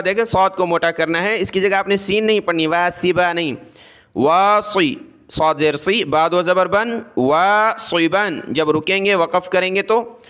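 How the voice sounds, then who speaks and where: Bright, clear male Quran teacher. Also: sits high. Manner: drawn-out melodic recitation alternating with quick spoken instructions. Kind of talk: slow recitation lesson with spoken explanations.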